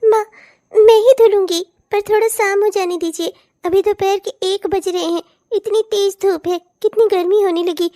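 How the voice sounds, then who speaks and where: A mistreated young stepdaughter in a cartoon, voiced by a woman, soft and pleading. Her voice is very high yet mellow and dark in tone, often close to tears. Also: fairly even intonation, moderate pace. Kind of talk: cartoon voice acting.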